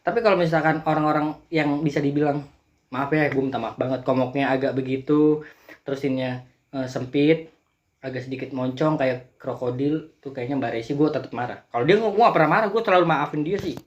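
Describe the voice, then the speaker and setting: A man's voice: a little high, brisk, muffled recording. A man hosting a reaction video, ranting casually and swearing a lot as he mocks clips. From Central Java, Indonesia. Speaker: host of a reaction channel.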